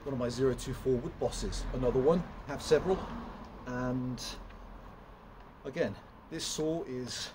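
A young chainsaw vlogger gives a casual, rambling walkthrough in an open woodshed stacked with log piles, full of fillers and restarts. His voice is medium-pitched and measured in pace, picked up by a camera some way off amid a noisy background.

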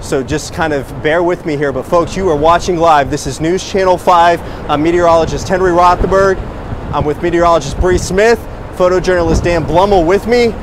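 A man's voice: a little high, fairly quick. A man working as a TV meteorologist, reporting a storm live and urgently from outdoors. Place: outdoors, station back parking lot. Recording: noisy outdoor live field audio.

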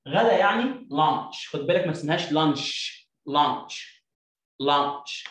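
Man with an Egyptian accent, classroom-style drill delivery, fairly high pitch, roomy sound. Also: animated. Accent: Egyptian Arabic. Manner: drills words by repeating them slowly. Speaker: English teacher. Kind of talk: explaining phonics lesson.

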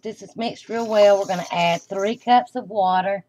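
At the stove in a home kitchen, a home cooking show host gives plain, folksy step-by-step directions. Her mid-range voice has a darkish tone and a normal speed. Kitchen noise comes through the dull lo-fi camera recording.

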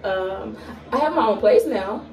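Her mid-range voice has a gravelly edge as this young Atlanta vlogger chats informally to camera about herself. She's unhurried, pausing often, using fillers and sometimes stuttering. Recorded by a camera at arm's length in a small, echoey room at home, she sounds far from the mic with faint music behind.

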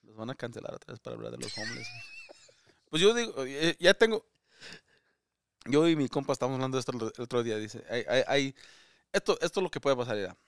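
A man co-hosting a casual comedy podcast, rambling and switching between Spanish and English, with loud laughs. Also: medium pitch, expressive, fast talker, vocal fry, pauses often, no room sound, studio quality. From United States. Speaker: comedian co-host.

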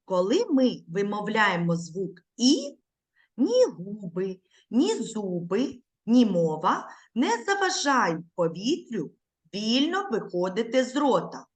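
Patient, slow-speaking woman teaching children. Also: medium pitch, very animated. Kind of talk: online lesson for young children. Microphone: video call.

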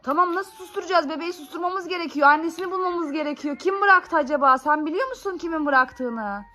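A mother speaks in a high, bright voice, coaxing and playfully scolding her small children. Her talk is casual and homey, the kind used in a family vlog. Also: brisk. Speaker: mother filming her kids.

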